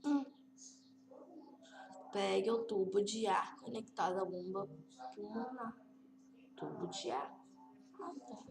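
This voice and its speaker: A woman's voice: mid-range voice, animated, takes it slowly, vocal fry, pauses often. A woman doing let's play commentary, squeamish, exclaiming often and reading game prompts aloud. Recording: roomy echo.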